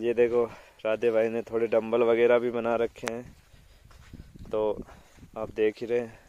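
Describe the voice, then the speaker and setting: A man's voice: mid-range voice, monotone, a little slow, dark tone, highs cut off, a little hiss or hum. A man in his thirties giving a casual gym tour outdoors, explaining steadily to viewers. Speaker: visiting fitness vlogger. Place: outdoor village gym in sandy fields.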